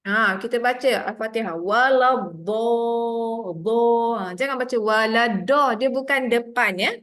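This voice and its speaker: A woman's voice: a little high, normal speed, a bit bright. Patient Malaysian woman teaching recitation. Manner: patient, explains step by step with demonstrations. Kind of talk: online tajweed lesson.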